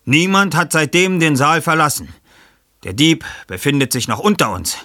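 Ein Mann liest ein Hörbuch und spricht den Ich-Erzähler, einen jungen Detektiv, bestimmt und methodisch. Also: male voice, on the high side, sing-song, normal speed, bright, forceful tone, dry recording, studio quality, voice pushed up. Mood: composed. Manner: commanding, methodical. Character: calm, clever young male detective, the narrator.

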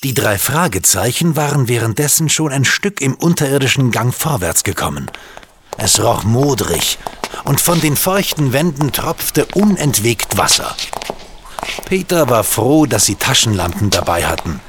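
A male narrator with lively, varied intonation reads scripted audio drama narration. There is clear noise in the background. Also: mid-range voice, normal speed.

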